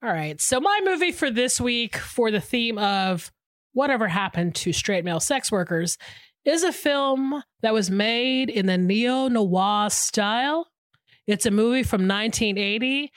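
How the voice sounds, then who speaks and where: A woman's voice: fairly high pitch, animated, a little slow, no echo. A woman co-hosting a film podcast, chatting informally and checking in with the listener. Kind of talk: casual conversational film discussion.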